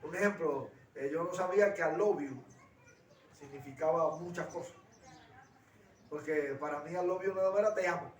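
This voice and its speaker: A man teaches in a conversational tone, slightly high-pitched for a man. He plays out little dialogues as he explains. His voice sounds a bit distant and echoes around the room. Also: normal speed, pauses often. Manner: explains by acting out dialogues and anecdotes. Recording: roomy, distant from the mic.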